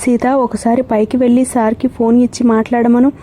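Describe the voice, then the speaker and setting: A woman's voice: fairly high pitch, little pitch movement, a little fast, close to an everyday voice. A woman voicing a suspicious, commanding wealthy wife who grows frantic. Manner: sharp, commanding, then frantic. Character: anxious suspicious wealthy wife, middle-aged.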